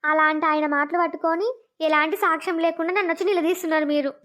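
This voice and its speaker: Squeaky spiteful cartoon sister-in-law, sly and whiny. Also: female voice, steady tone, fast talker. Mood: indignant. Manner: sly, then loudly self-pitying denials. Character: scheming young woman, spiteful sister-in-law. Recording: dull lo-fi cartoon audio.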